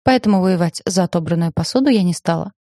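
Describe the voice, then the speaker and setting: A woman narrating a first-person novel with a lowish, mellow voice. She reads in a measured, lightly ironic way. The sound is close and dry. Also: animated, no room sound. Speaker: audiobook narrator.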